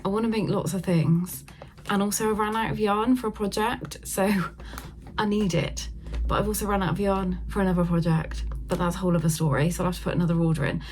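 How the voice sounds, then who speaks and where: A middle-aged woman chatting through a casual yarn haul, filmed on her phone at home and sometimes talking softly so a sleeping baby stays asleep. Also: medium pitch, fairly even intonation, fairly quick, slight background noise. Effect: filmed on a phone camera. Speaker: craft vlogger.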